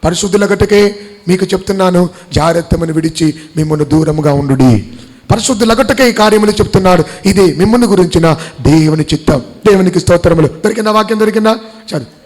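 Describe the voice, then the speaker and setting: Guy preaching, quizzing the church, echoey hall, high voice, says things over and over. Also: quick pace, a little mellow. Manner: rhetorical questions and repeated phrases; quizzes the congregation. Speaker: pastor. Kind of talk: Sunday sermon.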